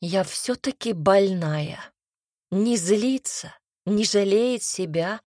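A woman's voice: medium pitch, lively intonation, slow pace, a little mellow, no room sound, studio quality. Woman reading a fantasy audiobook. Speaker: audiobook reader. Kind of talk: first-person fantasy audiobook narration.

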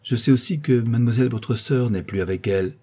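A man's voice: mid-range voice, brisk, mellow, husky, natural voice. A man reading aloud, voicing a jovial young count who banters in a playful, mock-courtly way. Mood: teasing. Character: jovial young gallant male count, teasing.

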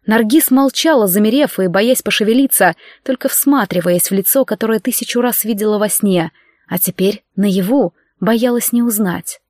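A woman narrating an audiobook in calm, expressive storytelling. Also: medium pitch, normal speed, no room sound, studio quality. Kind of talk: scripted narration.

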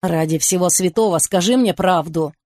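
A woman's voice: lowish voice, moderate pace, no room sound, clean studio sound, close to an everyday voice. Lovesick young man, frantic and pleading, read by a woman; storybook reading. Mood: agitated. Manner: excited, pleading outbursts.

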